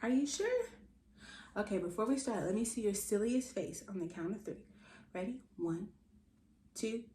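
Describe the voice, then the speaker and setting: Reading at normal speed with long pauses, an American woman with a medium-pitched voice hosts a kids' storytime, addressing young listeners directly in a playful, expressive style. She exaggerates the silly sound words theatrically, in an echoey room with light background noise.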